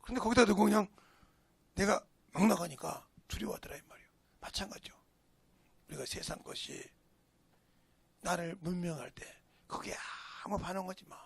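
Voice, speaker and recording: Man, pastor, sermon, gravelly husky voice, high and animated pitch, folksy storytelling. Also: no room sound. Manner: folksy storytelling, swinging between shouts and hushed whispers. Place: church sanctuary.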